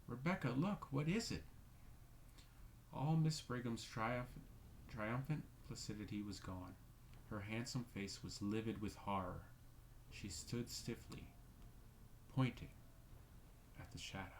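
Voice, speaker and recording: Low-voiced man reading a ghost story. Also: a little slow, long pauses, slight background noise, poor audio. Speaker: reader.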